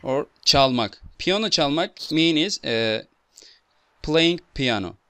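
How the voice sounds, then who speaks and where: A man's voice: fairly high pitch, lively intonation, takes it slowly, sharp tone, dry recording. A man in his twenties with a Turkish accent, teaching and correcting as a language tutor in simple non-native English. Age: 20s. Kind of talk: teaching conversation, correcting and explaining.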